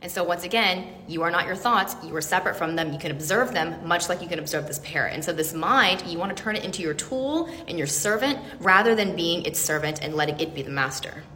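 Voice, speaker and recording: A woman's voice: lowish voice, expressive, quick pace, hardly any pauses, pushed and bright. A woman giving an earnest, emphatic motivational talk in a casual way, now and then swearing for emphasis. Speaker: self-help speaker. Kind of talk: motivational monologue to camera. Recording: long reverb, faint background hiss.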